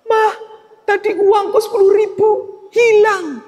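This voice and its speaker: A man's voice: fairly even intonation, measured pace, a little mellow, long reverb tail. A man voicing a young child who whines and sobs to get money from the parents. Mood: whiny crying. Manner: high whiny sobbing voice.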